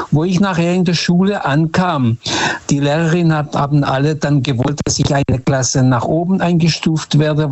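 A man from Portugal talks in German, his voice sitting a little high for a man. He tells his stories earnestly and reflectively, pausing often with small hesitations. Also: a little mellow, lo-fi sound. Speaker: interviewee. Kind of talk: casual storytelling conversation.

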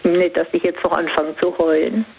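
An older woman calling in, confiding personal matters in halting phrases with pauses. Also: lowish voice, level tone, vocal fry, a little mellow, slightly rough. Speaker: caller. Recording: dull phone line.

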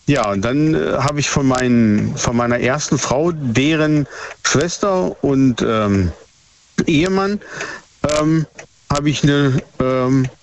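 Ein Mann in seinen Fünfzigern aus der ehemaligen DDR ruft bei einer Radiosendung an und erzählt stockend mit vielen „ähm“. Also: male voice, medium pitch. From former East Germany. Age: 50s. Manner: hesitant, many fillers. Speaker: caller. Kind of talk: phone call to radio show. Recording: muffled phone line, faint noise.

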